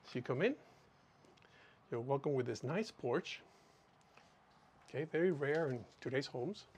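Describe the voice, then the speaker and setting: Speaking at a measured pace with lively intonation, a male real estate agent with a medium-pitched, slightly mellow voice gives an informal tour of an empty new house, often tagging phrases with "okay." Slight background noise and empty-house echo color the recording.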